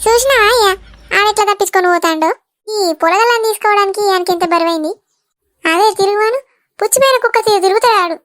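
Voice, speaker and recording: A woman's voice: extremely high pitch, fast, a bit bright, no room sound. Woman playing old village grandmother, Telangana accent, blunt, dry close voice. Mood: scolding. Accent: Telangana Telugu. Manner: scolding, blunt.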